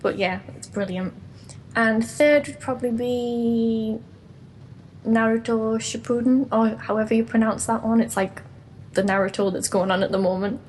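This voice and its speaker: A woman's voice: a little high, fairly even intonation, normal speed, darkish tone, a little hiss or hum. A young woman, a guest on a podcast, chatting cheerfully and laughing often. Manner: giggly and cheerful. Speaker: ASMR artist and podcast guest. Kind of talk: casual interview chat.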